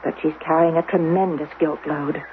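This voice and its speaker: In a noisy, band-limited 1970s radio broadcast, an actress plays a shrewd, probing rebel wife who guards her son, delivering lines directly and coaxingly in a grimly worried mood. Her natural voice is low and steady at a moderate pace, with phone-quality sound.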